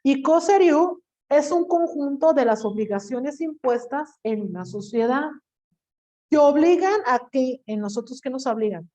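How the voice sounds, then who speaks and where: A woman teacher giving a classroom lecture in a lively way, acting out quoted voices and asking the class questions. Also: sits high, a little slow. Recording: dull lo-fi recording.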